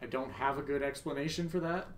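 A man's voice: mid-range voice, quick pace, a little hiss or hum. Brief: man in the middle of his range, live gameplay commentary, swears and jokes with chat. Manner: profane, joking, chats with viewers. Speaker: streamer.

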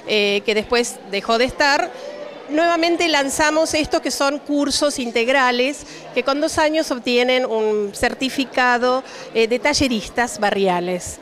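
A woman's voice: high-pitched, unhurried. A middle-aged woman from Cipolletti with an Argentine accent, a ceramics teacher answering interview questions with many "eh" fillers into a handheld mic indoors. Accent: Argentine Spanish. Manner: warm-hearted, many "eh" fillers. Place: indoor exhibition hall. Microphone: handheld reporter mic.

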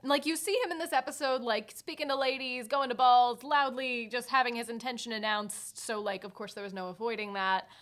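A woman's voice: fairly high pitch, steady tone, a little fast, hardly any pauses, fairly bright tone. A woman, chatting casually and wryly as a podcast co-host into a close microphone. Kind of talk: casual chat, TV show recap. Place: small indoor podcast set with bookshelves. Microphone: desk microphone on a stand, close.

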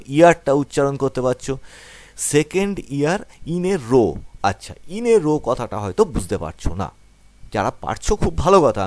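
Bengali-accented male tutor, animated pitch, dry close sound, patient step-by-step explainer. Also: no echo. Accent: West Bengal Bengali. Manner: patient, breaks words down letter by letter; reads English lines slowly and deliberately. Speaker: teacher. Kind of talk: exam tutoring lesson for school students.

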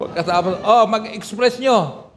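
A man preaching a sermon to his church in a lively, humorous storytelling way, with loud bursts and quiet asides. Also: high-pitched, measured pace, background noise. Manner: animated, swings between loud exclamations and soft asides; humorous storytelling, often breaks into short praise phrases. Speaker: pastor. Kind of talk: Taglish sermon with anecdotes.

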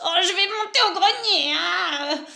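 A woman's voice: very high voice, a little slow, gravelly, bright, forceful tone, a little hiss or hum, voice pushed up, heavily acted. A woman voicing a grumpy, lonely old witch who sighs and mutters to herself. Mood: grumbling. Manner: grumbling, sighing, muttering "non, non, non".

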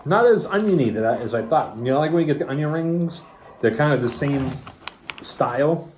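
A man's voice: on the high side, expressive, fairly quick, darkish tone, slight background noise. A father casually reviewing snacks with his child, reading the package blurbs aloud and teasing playfully.

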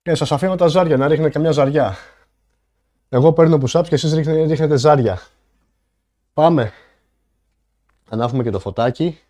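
Man, livestreamer, casual chat with viewers, out of breath, excitable, slightly high-pitched. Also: pauses often. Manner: thanks donors with loud bursts of excitement.

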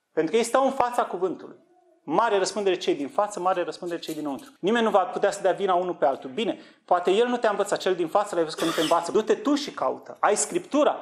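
A man preaching a sermon, urgently exhorting his listeners with rhetorical questions and swinging from low earnest tones to high fervent outbursts. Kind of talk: sermon on end-times prophecy.

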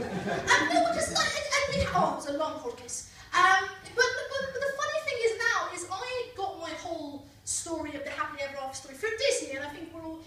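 A young British woman performs stand-up in a small club, chatty and teasing the crowd. Her very high-pitched voice is sharp, with a little hiss or hum. She holds a handheld mic while a far camera films from the back, so the club sounds echoey and distant.

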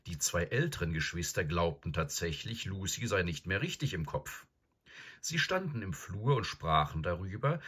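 Man, audiobook narrator, husky voice, low and lively. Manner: expressive storytelling. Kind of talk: audiobook reading.

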